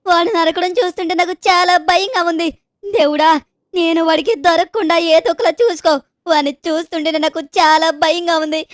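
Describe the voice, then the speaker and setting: Lady doing a timid scared cartoon kid, high voice, whimpery, dry sound. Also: steady tone, moderate pace, dry recording. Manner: fearful, whimpering worry. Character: timid young cartoon boy terrified of a killer. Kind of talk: game video voice-over.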